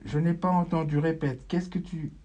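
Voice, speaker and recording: Anxious elderly mother calling out, as a man puts her on, raised husky voice, gravelly, dull lo-fi recording. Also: on the high side, steady tone, normal speed, warm tone, voice pushed up, lightly acted.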